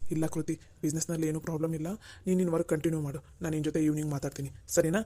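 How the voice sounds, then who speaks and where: Man voicing a rich cartoon dad, proud, stubborn, mellow dark voice, middle-aged. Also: a little high, little pitch movement, very fast, close to an everyday voice. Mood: reassuring. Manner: pleading then indignant. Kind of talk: Kannada cartoon voice acting.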